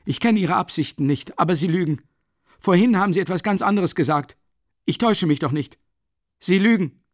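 An actor playing a proud, agitated young man who speaks loudly and insistently. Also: high-pitched, a little fast, no room sound, clean studio sound, pitched above the performer's own voice, natural voice. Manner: loud, insistent, accusing.

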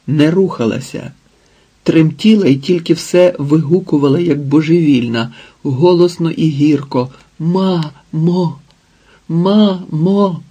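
A man narrating an audiobook in a calm, measured way. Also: a little high, gravelly, breathy edge. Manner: calm, measured, unhurried reading. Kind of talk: scripted narration.

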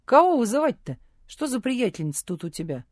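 A woman reading an audiobook, voicing a loud, hearty, brash boss man with a folksy, teasing way of talking. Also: on the high side, very animated, fairly quick, no echo, studio quality, pitched above the performer's own voice. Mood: jovial, loud.

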